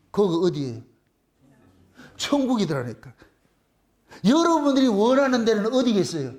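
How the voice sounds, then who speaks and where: Male pastor, very high pitch, lively sermon with acted-out voices. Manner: animated, acts out voices, asks the congregation questions.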